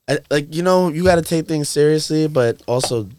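A man's voice: fairly high pitch, a little fast, slight background noise. A man from New York, a podcast guest and DJ, chatting casually and acting out what he and others say. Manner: animated storyteller, acts out his own lines and others'. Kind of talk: casual chat.

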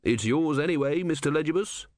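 A man's voice: a little high, animated, fairly quick, a little mellow, no echo, voice pushed up, close to an everyday voice. Patient middle-aged potter, voiced by a man, indulgent tone, dry.

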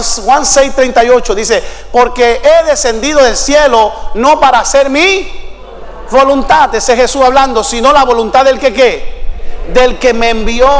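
High-voiced man preaching a fiery sermon. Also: big-room sound. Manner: preaching with shouted declarations and sung lines. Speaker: pastor. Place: church sanctuary.

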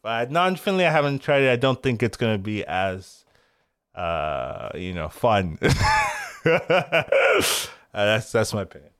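Animated, excitable man chatting about games. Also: fairly low pitch, measured pace, pauses often, clean tone, dry recording, clean studio sound. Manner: excitable, rambling, laughs often. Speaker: co-host discussing game patch. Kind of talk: casual gaming podcast chat.

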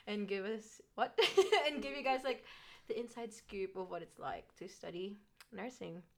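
A woman's voice: medium pitch, moderate pace, vocal fry. A young woman from Australia, co-hosting a casual podcast in a giggly, agreeable way. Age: young adult. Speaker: podcast co-host. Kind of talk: casual chat. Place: small room at a table.

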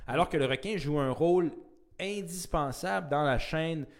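A man's voice: a little high, moderate pace. A man with a Québécois French accent, co-hosting a podcast in casual chat, often hesitating and repeating words. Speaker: podcast co-host.

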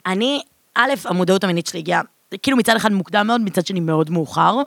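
A woman's voice: lowish voice, creaky, dry recording, studio quality. A woman in casual chat as a guest, candid and slangy, dropping in English words. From Israel and United States. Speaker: podcast guest.

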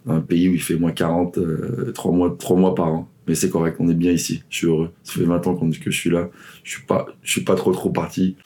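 His voice is low-pitched, gravelly and dark: a man in his forties from the Ivory Coast and Paris, working as a swim coach. He's a guest in a casual interview chat, telling his story in a rambling manner with many fillers and restarts.

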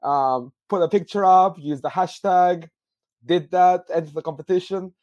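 A young man from Greece, a guest on a football podcast, telling a story in a lively, laughing way. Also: high voice, moderate pace, no room sound, dull audio. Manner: animated, laughs through his story. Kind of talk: casual storytelling chat.

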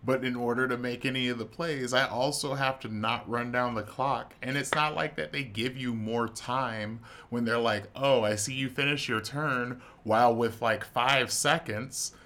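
A man's voice: medium pitch, fairly even intonation, moderate pace, hardly any pauses, a bit bright. A man co-hosting a podcast about a card game, asking teasing questions in a playful, casual way. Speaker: podcast co-host. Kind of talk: casual chat.

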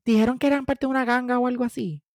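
A woman's voice: a little high, steady tone, very fast, dry recording, clean studio sound. A Puerto Rican woman in her twenties chatting casually in Spanglish, dropping English words into her Spanish. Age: 20s. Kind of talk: casual chat.

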